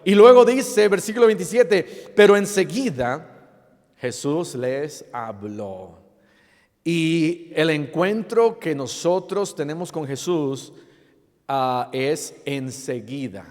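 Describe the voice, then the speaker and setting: A man pastor preaches from the pulpit with a high voice and an unhurried pace. He teases his congregation with playful question-and-answer lists, stumbling over fillers. His voice rings with the long reverb of a church sanctuary. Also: animated, a little mellow. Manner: frequent fillers and restarts. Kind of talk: sermon.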